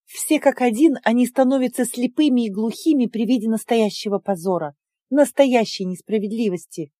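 A woman narrating a first-person audiobook in an expressive, emotional storytelling manner. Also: fairly high pitch, moderate pace, no room sound.

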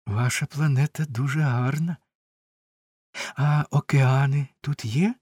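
A man voicing a curious, gentle young boy prince in a storybook reading, asking soft questions. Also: medium pitch, fairly even intonation, takes it slowly, slightly rough, dry recording, studio quality. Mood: admiring.

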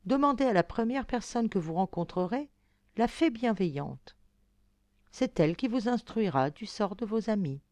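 A woman's voice: mid-range voice, lively intonation, moderate pace, a little mellow, dry recording, natural voice. A woman voicing a kind, solemn tortoise. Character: wise, kind old tortoise guide.

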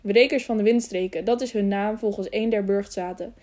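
A woman reading the part of a young noble girl who talks in a hushed, urgent way, in an audiobook. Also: mid-range voice, steady tone, fairly quick, close to an everyday voice. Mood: anxious.

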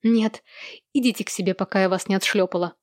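A woman voicing a weary, sharp-tongued mother of a large family, in an audiobook. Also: mid-range voice, fairly even intonation, fast talker, no room sound, studio quality, natural voice. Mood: scolding. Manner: scolding, grumbling.

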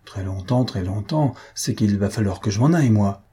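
A man voicing a breezy young husband who talks briskly and teasingly, always in a hurry. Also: on the low side, lively intonation, mellow, husky.

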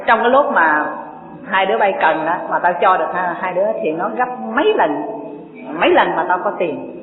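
A woman's voice: on the low side, big pitch swings, fairly quick, soft background music. A woman voicing an earnest young shoeshine boy. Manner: earnest, eager. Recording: tinny, echoey hall recording.

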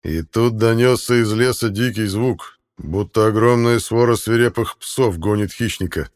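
A man voicing a proud king who holds back his anger, speaking slowly and solemnly. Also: lowish voice, natural voice. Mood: grave, restrained fury. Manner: slow, solemn and measured. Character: angry old king hiding his fury.

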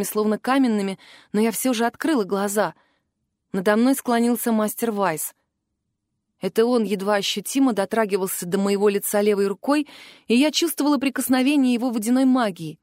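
A woman narrates a first-person fantasy audiobook with an expressive, emotional read. Her voice sits fairly high. The recording is dry and close, with no room sound. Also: no echo.

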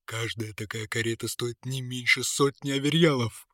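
A man's voice: medium pitch, fairly even intonation, normal speed, sharp tone, dry recording, clean studio sound, close to an everyday voice. A male narrator voicing a sly talking sack of tricks that mocks and lectures. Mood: mocking. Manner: mocking, lecturing. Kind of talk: audiobook character voice.

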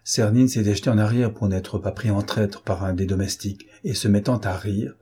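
A man reading a novel aloud in steady, measured narration. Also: lowish voice, husky. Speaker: audiobook narrator. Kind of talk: scripted narration.

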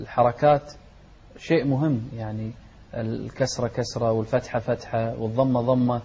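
A man of middle pitch teaches Quran recitation. He chants each verse slowly and tunefully, then briskly spells out the correct pronunciation. The recording is dull and lo-fi. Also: warm tone, slightly rough.

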